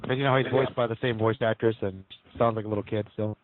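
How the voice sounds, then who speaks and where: A man chatting casually with quick, eager interjections. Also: on the low side, steady tone, narrow, tinny audio. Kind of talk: casual chat about anime dubs.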